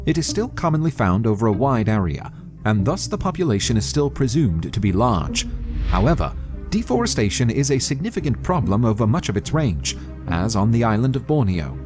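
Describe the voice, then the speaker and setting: Lively male nature documentary narrator over music. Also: medium pitch, fairly quick. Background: prominent background music.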